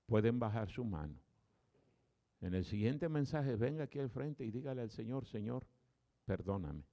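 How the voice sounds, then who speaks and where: A male pastor preaching an impassioned sermon, swinging from loud appeals to hushed prayer as he leads an altar call. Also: mid-range voice, lively intonation, normal speed.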